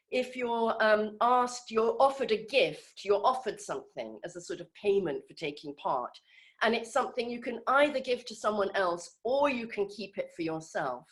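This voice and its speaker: A woman giving an informal talk on a video call, conversational and hesitant, with many fillers and restarts. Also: a little high. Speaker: speaker in an online group session.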